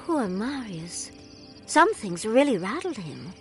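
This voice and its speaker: A teasing, witty adventurer. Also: female voice, on the high side, sing-song, a little slow, faint music behind. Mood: concerned. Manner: dry, teasing humor. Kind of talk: video game voice acting.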